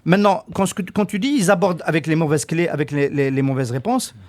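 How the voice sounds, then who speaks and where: A man's voice: on the high side, quick pace, a little mellow. A man from Algeria on a radio panel discussion, hesitant and full of repeated words and fillers.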